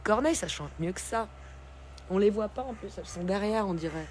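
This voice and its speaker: A woman's voice: mid-range voice, expressive, brisk, darkish tone, slight background noise. A woman hosting a casual live stream, chatting and laughing with her viewers as she reads the chat. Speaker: livestream host.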